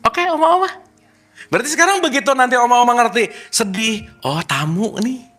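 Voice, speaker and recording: A man giving an informal spiritual talk to a group, lively and teasing, full of rhetorical questions. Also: extremely high pitch, normal speed, soft background music. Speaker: spiritual teacher.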